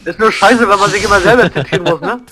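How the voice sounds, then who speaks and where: A man chatting casually and excitedly while playing an online game with friends over voice chat, joking and yelping. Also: sits high. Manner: excitable, jokey, swings up into squeals. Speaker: gamer. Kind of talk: casual multiplayer gaming chat.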